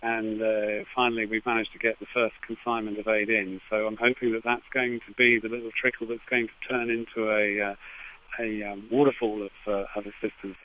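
A man giving a news interview as an aid official, speaking haltingly with repeated false starts. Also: fairly low pitch, level tone. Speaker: aid agency representative, interviewee. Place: phone call to a radio studio. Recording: tinny phone line.

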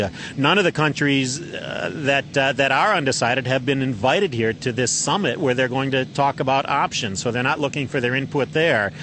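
A male news correspondent reporting live by satellite phone from outdoors, speaking haltingly with many fillers and repeated words. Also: mid-range voice, noisy background. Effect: satellite phone line. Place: outdoors on an air base tarmac.

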